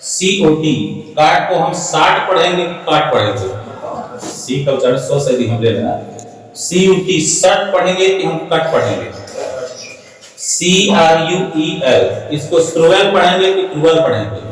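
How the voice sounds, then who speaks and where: A man's voice: a little high, very animated, a little slow. A man teaching spoken English, who repeats each word again and again and keeps asking the class questions. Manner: repeats words over and over, asks the class rhetorical questions. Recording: echoey hall, voice from far off.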